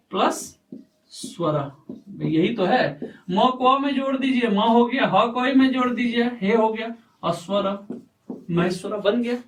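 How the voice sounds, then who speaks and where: Male tutor, very high voice, slow and repetitive, recorded distant from the mic in an echoey room. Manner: slow, repetitive, quizzing himself aloud. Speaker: teacher. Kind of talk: explaining a lesson at a board.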